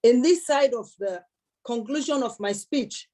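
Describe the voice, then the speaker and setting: At a celebration, a young woman gives an earnest public speech in a warm, fairly high voice at a measured pace. She is emphatic, repeats her key words, and thanks a long list of people.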